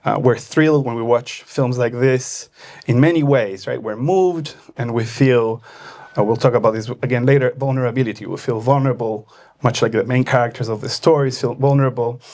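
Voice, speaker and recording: A man from Argentina in his thirties talks about his book at a launch event. He speaks thoughtfully and hesitantly, pausing often and filling gaps with ums, at a voice pitched in the middle for a man. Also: darkish tone. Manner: hesitant, thoughtful, many fillers. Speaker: author.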